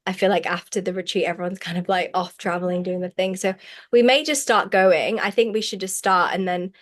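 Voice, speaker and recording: On a video call, a female facilitator and program host keeps things casual, rambling and chatty with plenty of "likes." Her voice is on the low side, fairly even in intonation, and brisk.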